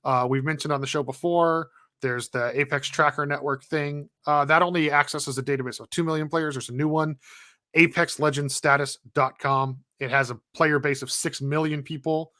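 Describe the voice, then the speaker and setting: A man co-hosting a casual gaming podcast, chatty and animated, who laughs easily while plugging the show. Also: fairly high pitch, normal speed, no room sound, clean studio sound. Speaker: podcast co-host.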